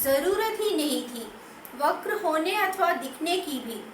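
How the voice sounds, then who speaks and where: Woman poet, high voice, slow measured recitation, roomy echo. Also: expressive. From Madhya Pradesh, India. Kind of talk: poetry recitation. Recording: echoey room, distant mic, faint noise.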